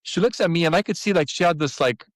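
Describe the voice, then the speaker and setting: Animated storytelling man in his fifties. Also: fairly high pitch, quick pace, dry recording, poor audio. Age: 50s. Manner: animated storyteller, voices the people he quotes. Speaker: podcast guest. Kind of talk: personal storytelling.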